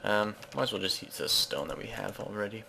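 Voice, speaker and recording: Gravelly low-voiced man narrating gameplay. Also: expressive, a little fast, pushed and bright, a little hiss or hum. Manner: rambling, self-correcting, chatty asides. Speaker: Let's Play host. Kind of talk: casual gameplay commentary.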